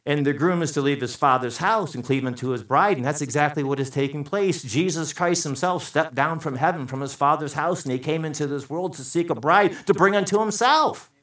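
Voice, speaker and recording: A man preaching a sermon to a congregation, animated, calling out for amens. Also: fairly high pitch, brisk, few pauses. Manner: animated, call-and-response with congregation. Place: church sanctuary. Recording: echoey room, mic at a distance.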